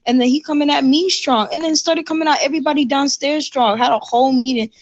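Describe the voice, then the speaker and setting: A woman's voice: high voice, quick pace, highs cut off. A woman in roleplay voice chat, heatedly retelling an argument with plenty of profanity.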